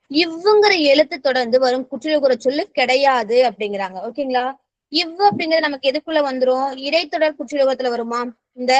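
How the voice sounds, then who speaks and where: A woman's voice: high voice, dry recording. A woman teaching a grammar lesson. She keeps checking in with her students and mixes English words into her explanations. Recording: dull, slightly muffled sound.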